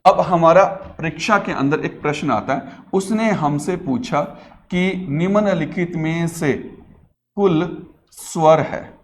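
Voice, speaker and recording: A man's voice: fairly high pitch, a little hiss or hum. A male teacher giving a classroom grammar lesson, patiently explaining and asking students questions that he then answers himself.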